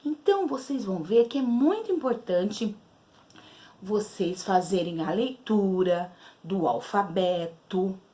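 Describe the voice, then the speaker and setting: A woman's voice: medium pitch, lively intonation, slow, dark tone. A woman teacher with a Brazilian Portuguese accent, patiently explaining syllables to children step by step. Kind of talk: literacy lesson to children.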